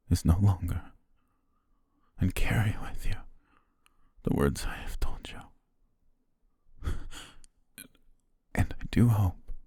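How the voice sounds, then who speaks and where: For an ASMR roleplay, a voice actor plays a loyal, tender young butler who is dying, speaking in hushed, faltering words broken by weak, breathy laughs as his strength slips away. His low voice is heavily acted and captured on a close mic with no echo.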